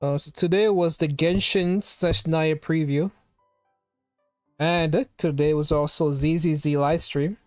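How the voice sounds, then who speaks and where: A live streamer chats casually in a rambling way, mid-pitched and steady, unhurried, firing question after question at chat. The home streaming mic gives a close, dry sound with no room sound, and faint game music plays underneath.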